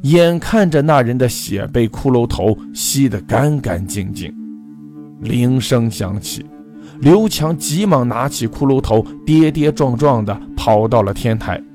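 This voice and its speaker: A man's voice: mid-range voice, lively intonation, measured pace, mellow. A man narrating a folk ghost story in a dramatic, scripted way. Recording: faint background music.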